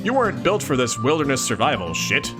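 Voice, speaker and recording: A man's voice: medium pitch, big pitch swings, brisk. A man reading a visual novel aloud for a let's play at home, breaking off to joke with chat. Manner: playful, reads narration then jokes to chat and cat. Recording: faint game music underneath.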